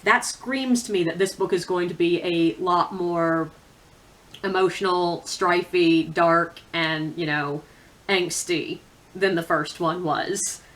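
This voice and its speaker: Her voice is lowish and fairly bright, with mostly even intonation and a slow pace. She's a book reviewer on a video channel, talking candidly and informally to viewers and sprinkling in strong opinions.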